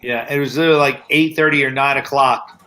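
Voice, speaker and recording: A man in casual chat, retelling a story with animated quotes of others. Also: medium pitch, quick pace, slight background noise.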